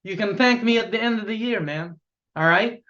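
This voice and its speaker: A man's voice: high voice, normal speed, pushed and bright, lo-fi sound. A man giving a punchy motivational talk to a sales team, repeating himself and asking "okay?" after each point. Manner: punchy, repetitive, asks "okay?" a lot. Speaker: business coach.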